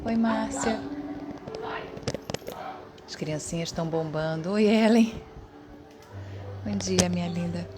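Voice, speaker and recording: A woman's voice: lowish voice, slow pace, long pauses. Chatty Brazilian woman hosting a live stream. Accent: Brazilian Portuguese. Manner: chatty, warm greetings to viewers by name. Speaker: livestream host. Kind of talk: casual live chat greeting viewers. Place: home above a noisy schoolyard. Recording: noisy background of children shouting. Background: children shouting and playing.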